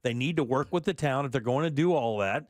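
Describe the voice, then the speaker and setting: A man's voice: medium pitch, brisk, no room sound, studio quality. A man hosting a radio talk show, reading news items with casual asides and frequent laughs. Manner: chatty, laughs often, reads stories with asides.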